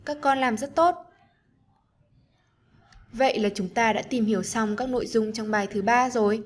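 A woman teacher narrating an online lesson for children, gentle and encouraging as she speaks to the pupils. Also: on the high side, moderate pace.

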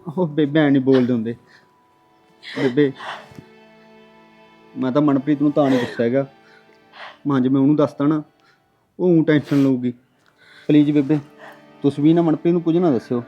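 A man's voice: a little high, fairly even intonation, brisk, long pauses, muffled recording, soft background music, close to an everyday voice. A man playing an earnest, worried young husband. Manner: earnest and reassuring. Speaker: actor. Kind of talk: village drama acting.

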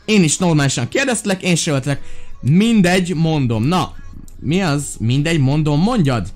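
A man hosting a Minecraft let's-play, talking in an animated, exclaiming way and giving bossy orders, with a lingering cough after being ill. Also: a little high, soft background music. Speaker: gaming video host.

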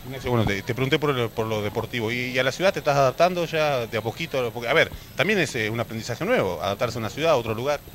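Rapid-talking Argentine sports reporter. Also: male voice, medium pitch, fairly bright tone, slight background noise. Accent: Argentine Spanish. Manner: rapid, chatty questions with many fillers. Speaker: sports reporter interviewing a player. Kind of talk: local TV sports interview.

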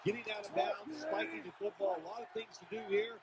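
A man's voice: high voice, lively intonation, fast. A man playing a TV football announcer in a video game, heard through game audio with stadium ambience. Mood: engaged. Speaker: sports commentators. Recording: game audio under loud stadium noise.

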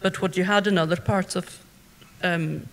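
A man speaking on a panel at a public event, measured and thoughtful, pausing on fillers as he thinks. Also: high voice, fairly even intonation. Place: public hall. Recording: hall reverb from a live talk.

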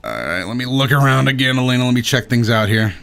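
Excitable, sweary male game streamer. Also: medium pitch, fast, gravelly, clean tone. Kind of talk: casual, joking live game commentary. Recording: faint game noise behind. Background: horror game audio.

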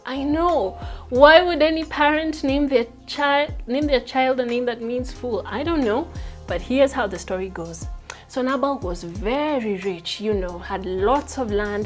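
Animated woman teaching a kids' Bible lesson. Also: on the high side. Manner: animated storytelling, asides to kids. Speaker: Sunday school teacher.

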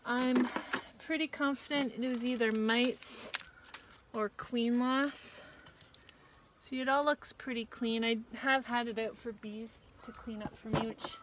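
A beekeeping vlogger in her twenties speaks in a fairly high, steady voice against background noise, casually explaining hive work in a backyard. She is unhurried and chatty, gasping in dismay at what she finds, in how-to narration while she works. She is recorded outdoors on a camera on a stand nearby, later handheld, with music underneath.

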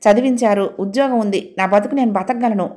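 A woman's voice: mid-range voice, a little fast, dark tone, natural voice. A woman voicing a defiant, proud young woman in a spoken audio novel, mocking and stubborn.

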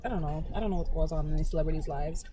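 A woman hosting a casual mukbang chat in a car, teasing and quick-witted. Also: sits low, dark tone, slight background noise. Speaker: host. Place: car with windows down.

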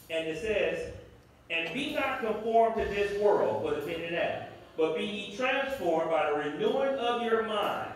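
A man's voice: sits high, slight background noise. A man in his fifties preaching a sermon as pastor, emphatic and repetitive, heard from a distance in an echoey room. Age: 50s.

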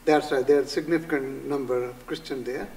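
An older man with a Pakistani accent, a pastor being interviewed, speaking earnestly with many halting pauses as he recounts and quotes scripture. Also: mid-range voice, steady tone, darkish tone, recorded from a distance, a little hiss or hum, low-quality recording. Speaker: pastor, guest. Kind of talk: interview answers. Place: small studio room with green wall.

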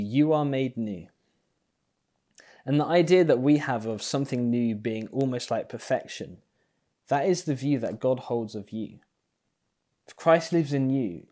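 A man's voice: mid-range voice, warm tone. A young man giving an online sermon from a small room, speaking thoughtfully on an earphone mic. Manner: unhurried, thoughtful, with many ums. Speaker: pastor. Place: small indoor room at home. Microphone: earphone mic, facing camera.

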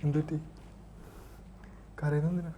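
A man acting out a tender father comforting his weeping daughter, asking again and again in a soft, coaxing way what is the matter. His voice sits fairly high yet sounds warm and mellow. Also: little pitch movement, measured pace, slight background noise, lightly acted. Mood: gently coaxing. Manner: soft, repeated coaxing questions.

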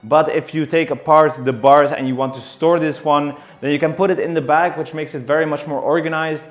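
A man's voice: fairly high pitch, fairly even intonation, brisk, lo-fi sound. A young man in his twenties giving a detailed, explanatory product review of home gym equipment, recorded indoors on a camera mic at mid distance. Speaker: fitness reviewer. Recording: echoey room with faint music.

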